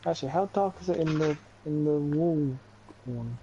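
A man's voice: on the high side, moderate pace, creaky. A man playing a game with a friend, chatting in a jokey, offhand way and swearing freely. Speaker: co-player on a game stream. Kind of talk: casual gaming chat. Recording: dull lo-fi stream audio with hiss.

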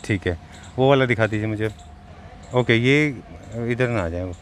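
A man's voice: mid-range voice, moderate pace. A man with a mid-range voice chats casually as he walks through an outdoor pottery yard. He keeps asking questions and drops English phrases into his talk. Faint background noise runs under the voice. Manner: curious, asks prices, mixes English phrases into Hindi. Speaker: vlogger touring a pottery shop. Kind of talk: casual walkthrough chat.

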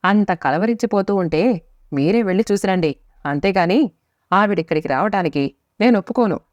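A woman narrator voicing a sharp-tongued, quarrelsome middle-aged wife who scolds and resents her husband, in a storybook reading. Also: medium pitch, animated, moderate pace, dry recording, close to an everyday voice. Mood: defiant. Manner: biting, scolding. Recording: dry, slightly muffled lo-fi recording.

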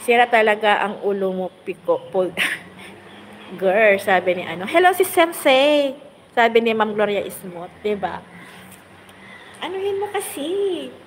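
A woman's voice: mid-range voice, lively intonation, a little slow, long reverb tail, a little hiss or hum. A woman chatting casually on a phone live stream, reading out viewer comments, laughing often and rambling with many fillers. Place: on the road, in a vehicle.

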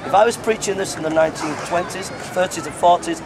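A middle-aged male street preacher argues his point outdoors, firm and insistent, repeating himself as he cuts in. His voice is slightly high for a man. Clear street and traffic noise sits under him. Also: fast. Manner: assertive, keeps cutting in, repeats phrases. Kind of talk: street debate. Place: outdoor city square.

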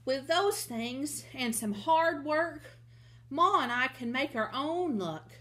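A woman voicing a plucky young cowgirl who speaks in a bright, eager, raised voice. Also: high voice, expressive, slow pace, voice pushed up, exaggerated voice.

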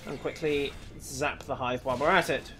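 A man's voice: mid-range voice, fairly even intonation, moderate pace, over music. A man casually commenting on his gameplay with dry, wry asides. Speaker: let's play host.

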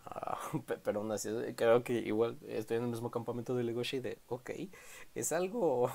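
A man's voice: medium pitch, moderate pace, vocal fry, darkish tone. A man casually reviewing a manga chapter, rambling, stammering and correcting himself.

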